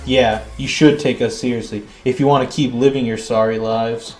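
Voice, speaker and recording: A man's voice: mid-range voice, steady tone, normal speed, darkish tone, roomy sound, soft background music, natural voice. Young swordsman in an audio fan story, plain warning tone, man performing. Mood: threatening. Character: cool, threatening young male swordsman.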